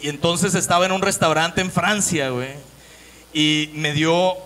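A man's voice: a little high, fairly even intonation, unhurried, bright, forceful tone. A young man from Monterrey with a northern Mexican accent, performing a profane, story-driven stand-up comedy set. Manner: profane, storytelling, acts out voices.

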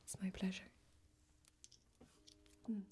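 A young adult woman whispers close to the mic in an ASMR role-play, taking the part of a kind, protective fantasy warrior with a gentle, folksy, reassuring manner. She speaks slowly in a natural voice, with slight background noise.

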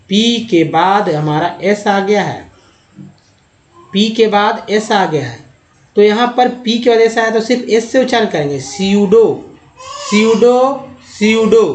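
Echoey male English tutor explaining rules. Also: high-pitched. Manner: repetitive, explanatory, addresses viewers as friends. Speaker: English teacher. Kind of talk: Hindi-language lesson on English spelling.

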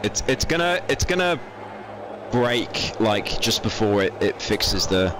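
A man's voice: fairly low pitch, very animated, slow, noisy background. A young man streaming a game, panicking, swearing and repeating words as he plays. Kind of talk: live gameplay commentary. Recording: game music behind voice.

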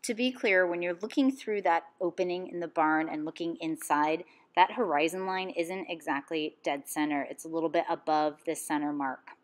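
A woman art teacher giving calm, step-by-step instructions in a drawing lesson voice-over. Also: sits low, moderate pace, few pauses.

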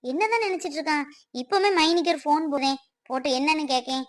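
A woman's voice: sits high, fast talker, no room sound, natural voice. A woman playing a protective middle-aged mother who talks in a consoling yet scolding way, in a family skit. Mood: complaining.

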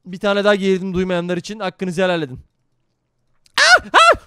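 High, brash, foul-mouthed streamer guy. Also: moderate pace, clean tone, no room sound. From Turkey. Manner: brash, profane, excitable banter with chat. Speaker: live streamer. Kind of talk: live gaming stream commentary.

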